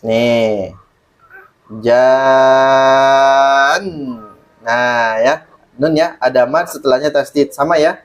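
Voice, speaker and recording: This man's voice sits at medium pitch and moves at a normal speed. He is teaching Quran recitation online, reciting examples, patiently going over the rules and often making sure the student is following.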